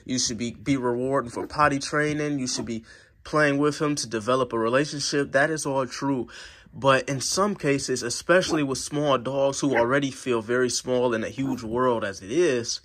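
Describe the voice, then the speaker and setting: A man's voice: mid-range voice, normal speed, a bit bright. Stuffy-voiced man rambling about puppies. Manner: rambling, lots of fillers and restarts. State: a little stuffy from a cold. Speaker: dog vlogger. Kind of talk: casual vlog talk to camera. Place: at home indoors with a puppy.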